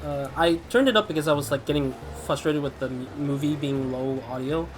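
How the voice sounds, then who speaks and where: A gaming YouTuber provides chatty let's play commentary over game music, rambling and laughing often. His voice is a little high and fairly quick, sounding slightly stuffy from a cold, with background noise present.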